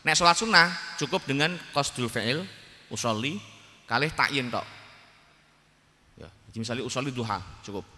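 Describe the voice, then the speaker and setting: A man with a Javanese accent teaching a religious text to a gathering, in a relaxed, repetitive way and often checking with "ya". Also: medium pitch, in a large hall. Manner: relaxed teaching, repeating words, frequent "ya" checks.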